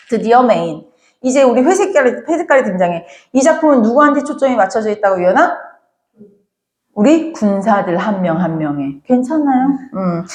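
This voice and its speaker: A woman teaching a Korean literature class, lively and talking straight to her students, now and then acting out the characters' lines. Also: on the high side, reverberant. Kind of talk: classroom lecture.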